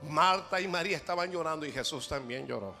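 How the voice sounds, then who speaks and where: A man preaching a sermon as pastor, moving from hushed prayer to shouted exhortation. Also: fairly high pitch, fairly quick, creaky, soft background music.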